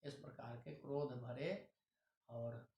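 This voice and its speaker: A man's voice: mid-range voice, takes it slowly, mellow, dull audio. A male teacher with a Hindi accent reads a Sanskrit text one line at a time and explains each line in plain Hindi. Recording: echoey room.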